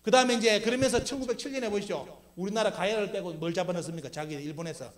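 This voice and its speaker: A middle-aged man lectures for a history civic group, giving an emphatic public talk with slides. His voice sits high and he talks fast, constantly raising rhetorical questions and answering them himself.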